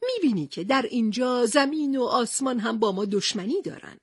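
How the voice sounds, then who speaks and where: A woman's voice: fairly high pitch, lively intonation, slightly rough, no room sound, studio quality. A woman voicing a young male reporter hero in a storybook, earnest and plaintive.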